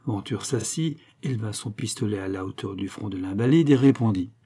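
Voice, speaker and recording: A man narrating a classic novel in a measured, dramatic reading. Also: on the low side, dark tone, husky. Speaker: audiobook narrator.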